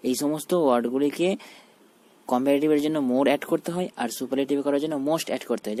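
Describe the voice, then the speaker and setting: A man with a rather high but mellow voice teaches grammar. He explains each rule, then asks a question and answers it himself. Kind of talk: grammar lesson.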